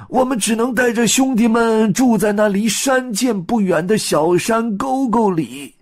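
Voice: medium pitch, pitched above the performer's own voice. A storyteller voicing a fawning old male monkey chancellor who wails and pleads. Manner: wailing, pleading.

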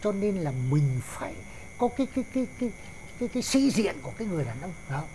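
A man's voice: sits high, very animated, very fast, dark tone, a little hiss or hum. A man, playing a bossy older father-in-law who lectures in a slapstick sketch. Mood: lecturing.

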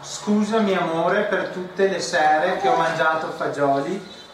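Man, thirties, animated, slow drawn-out delivery, casual game talk, very echoey noisy room. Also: on the high side. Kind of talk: casual challenge game with partner. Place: home living room. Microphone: camera a couple of metres away.

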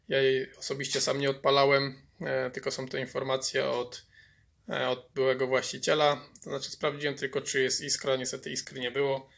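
A man's voice: mid-range voice, creaky, fairly bright tone. A man restoring an old chainsaw on his workshop bench, explaining each fault as he goes, with many fillers and repeated words. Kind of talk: workshop repair commentary.

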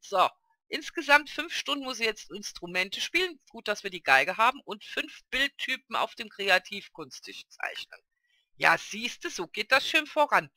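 A woman's voice: medium pitch, bright, forceful tone, no room sound, studio quality. A woman casually commenting on her own gameplay, chatty and coaxing, talking to her game characters like children. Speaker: let's play gamer.

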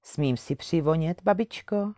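A woman voicing a sweet, eager seventeen-year-old princess who speaks in a bright, eager way. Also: deep voice, dry recording, clean studio sound, lightly acted.

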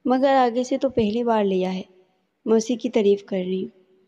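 A teasing, coy young maid, read out by a woman storyteller. The voice is warm and mellow, and the dull, lo-fi recording carries a long reverb tail. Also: a little high, lightly acted.

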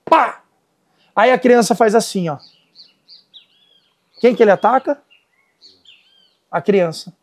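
This middle-aged dog trainer from Brazil has a high-pitched voice, talks a little slowly, and pauses often, carrying a Brazilian Portuguese accent. In a relaxed instructional session, he tells lively stories and gives orders to dogs and helpers.

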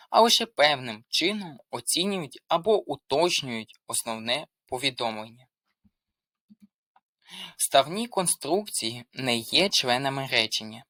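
A tutor walks through a grammar lesson in a bright, forceful voice, listing examples one after another in a steady, methodical way. The sound is dry and close, with no room echo. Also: medium pitch. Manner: methodical, reading out lists of examples. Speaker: language tutor. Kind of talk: explanatory lesson.

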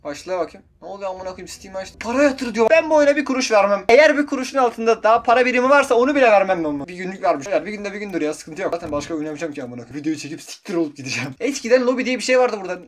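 A man's voice: high voice, animated, very fast, hardly any pauses. A man giving live gameplay commentary to his viewers, ranting, swearing constantly and mocking the game with sarcasm. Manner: talks to viewers as "beyler". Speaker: gaming video creator.

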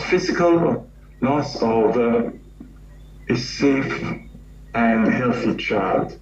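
A middle-aged clergyman lectures slowly, in measured, rhetorical phrases built on lists and repetition. He sounds distant from the mic in a reverberant hall. The audio is muffled, with a faint hum underneath. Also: mid-range voice. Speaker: clergyman giving a memorial lecture. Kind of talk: sermon-like lecture.

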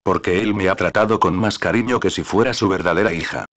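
A man's voice: low-pitched, brisk, a bit bright. A man reading the part of a young orphan girl in an audiobook, speaking in an earnest, pleading way.

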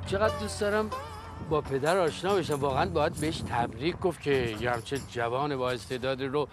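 A man's voice: fairly high pitch, over music, lightly acted. A man playing a courteous professor. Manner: polite, formal. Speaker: university professor. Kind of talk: TV comedy drama acting.

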